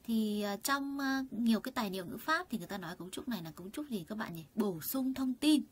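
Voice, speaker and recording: A woman with a husky, medium-pitched, animated voice gives an online Korean lesson explaining vocabulary and grammar. She is chatty and full of fillers, poses rhetorical questions to her students, and says words slowly for them to repeat.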